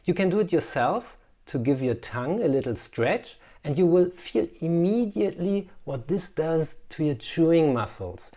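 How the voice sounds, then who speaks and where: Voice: mid-range voice, animated, moderate pace, few pauses, dark tone. An articulation coach presenting an instructional video, speaking precisely with playful asides.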